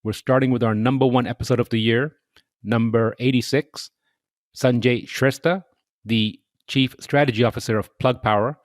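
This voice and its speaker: A man hosting a podcast interview, reading measured, scripted introductions and asking questions. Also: medium pitch, steady tone, no room sound, clean studio sound. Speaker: podcast host.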